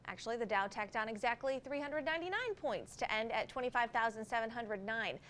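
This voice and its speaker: A woman news anchor reading scripted news in a crisp, measured way. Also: a little high, fairly bright tone, a little hiss or hum.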